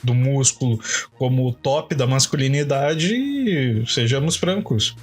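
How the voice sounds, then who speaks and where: Animated man, jokey. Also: mid-range voice, measured pace. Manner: animated, jokey, lots of filler words. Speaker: podcast co-host. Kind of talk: casual chat.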